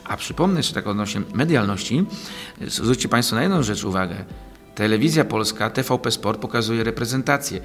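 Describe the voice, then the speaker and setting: A man in his forties, a league president appearing as an interview guest, gives long answers full of fillers and restarts. His voice is lowish, expressive and a bit bright, and he talks briskly. He's recorded on a boom-arm desk mic in a small office studio, with faint music in the background.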